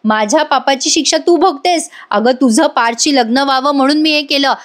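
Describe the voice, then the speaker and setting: An emotional, scheming mother from a TV serial, voiced by a woman retelling the plot. She pleads and protests in a lifted, higher voice. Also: brisk, natural voice. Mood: indignant. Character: scheming middle-aged mother, pleading and indignant.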